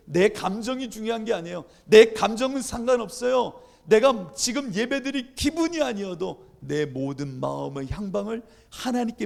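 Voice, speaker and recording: Pastor guy preaching, pretty high voice, super gravelly, chatty, acts out the dialogue. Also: darkish tone. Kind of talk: sermon.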